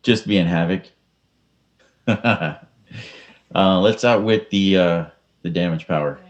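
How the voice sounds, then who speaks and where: A man's voice: deep voice, slow pace, lo-fi sound. A man playing a tabletop miniatures game, calling out his moves in casual chat and joking to his pieces.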